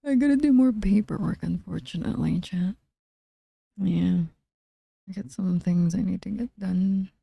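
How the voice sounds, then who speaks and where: A woman streamer chatting casually with her live chat in a soft, low-key way. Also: a little slow, creaky, husky, dry recording.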